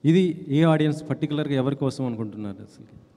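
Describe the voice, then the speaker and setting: Mellow-voiced male reporter in a hall. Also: mid-range voice, quick pace. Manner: asks pointed questions, addresses politely. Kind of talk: press meet questions. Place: large press hall. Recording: reverberant hall.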